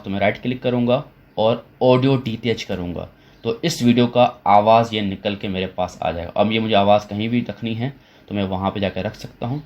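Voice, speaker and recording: A man walks through a software tutorial one step at a time, restarting his sentences now and then as he works at the computer. His voice sits fairly low, and the recording has a dull, lo-fi sound with muffled highs. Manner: step-by-step explaining with frequent fillers and restarts.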